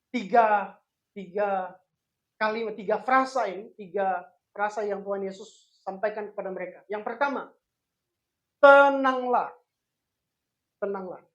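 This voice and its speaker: A woman preaching a sermon to a congregation, speaking directly to them and swinging between hushed and emphatic delivery. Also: a little high. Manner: addresses congregation as Bapak Ibu Saudara, dramatic swings in loudness.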